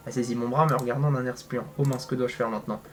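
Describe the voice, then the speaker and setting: A man's voice: medium pitch, steady tone, rapid-fire, heavy background noise. A man reading a visual novel aloud, breaking off with joking, slangy comments and big reactions. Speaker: gaming content creator.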